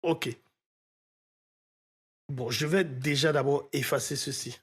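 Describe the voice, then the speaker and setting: A man's voice: mid-range voice, slow, slightly rough. A man teaching audio mixing in a step-by-step tutorial, often checking in with his viewers. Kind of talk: screen-recorded software tutorial.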